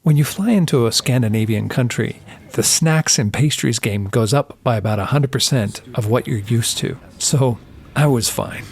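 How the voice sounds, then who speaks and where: A man's voice: mid-range voice, moderate pace, vocal fry, slightly rough. A man with a Northwestern United States accent, narrating his own music podcast as host and producer, explaining things with friendly asides.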